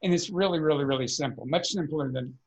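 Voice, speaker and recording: Man explaining earnestly, slightly high voice. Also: fast talker, creaky, rough recording. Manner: earnest, explanatory, repeats words as he thinks. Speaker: podcast guest, energy work teacher. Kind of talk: conversational interview explanation.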